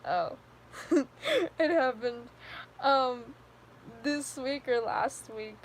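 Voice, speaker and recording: A fifteen-year-old girl chats casually with viewers on a live stream, telling rambling stories full of giggles, fillers, and "like." Her voice sits high and she speaks extremely slowly, with slight background noise.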